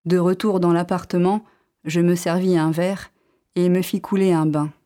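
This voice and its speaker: A woman narrating a literary story in the first person, reading in a calm, measured way. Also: fairly low pitch.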